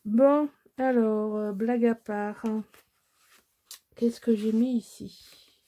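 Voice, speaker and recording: A woman's voice: fairly high pitch, fairly even intonation, slow pace, dark tone. A middle-aged woman from Alsace, chatting casually through a crafting tutorial, rambling and self-mocking with many restarts. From Alsace, France. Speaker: scrapbooking crafter.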